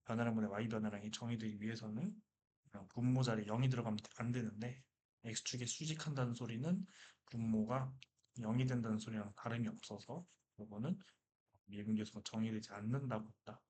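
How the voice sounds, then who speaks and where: Man, math teacher, husky voice, lively lecture, asks and answers his own questions. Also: mid-range voice, normal speed.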